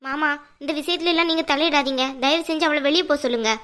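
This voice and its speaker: A woman voicing a young woman in a cartoon, a hostile elder sister with a sharp, insistent manner. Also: high-pitched, quick pace. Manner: sharp, insistent, pleading with her father-in-law. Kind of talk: cartoon voice acting.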